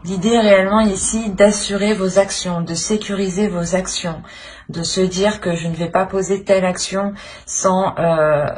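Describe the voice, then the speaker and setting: This woman's mid-range voice is steady and a little mellow at a moderate pace. She's a channel host doing an unscripted tarot reading for viewers, and she hesitates, searches for words, and repeats phrases.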